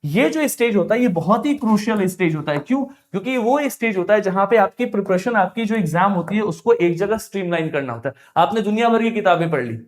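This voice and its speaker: Male exam coach with a high voice, mix, punchy self-questioning teaching style. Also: animated, fast, hardly any pauses. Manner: emphatic, repeats key phrases, asks and answers own questions. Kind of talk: explanatory coaching talk.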